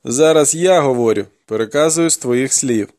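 A man's voice: medium pitch, moderate pace, darkish tone, no echo, clean studio sound, lightly acted. A man voicing a grim male warrior who taunts and interrogates a captive in an audiobook. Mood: taunting, grim. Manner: taunting, commanding, gruff.

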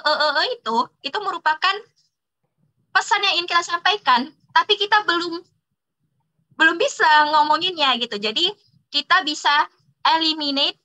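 High, bright-voiced woman teacher. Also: rough recording. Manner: chatty, laughs often, frequent fillers and tag words. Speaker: teacher giving a public speaking talk. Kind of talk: casual online class talk.

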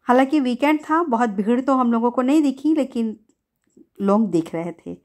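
A middle-aged woman gives a relaxed, chatty voice-over for her family's outing, linking each step with easy storytelling. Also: a little high, moderate pace. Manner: chatty, easygoing storytelling with many "to" linkers. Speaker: family vlogger.

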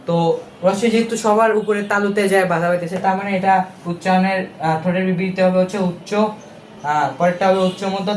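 A man's voice: sits high, reverberant, slight background noise. A young man with a Bangladeshi accent, teaching an exam-prep lesson step by step, asking questions and correcting himself as he goes. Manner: explains step by step with rhetorical questions; colloquial, with fillers and self-corrections.

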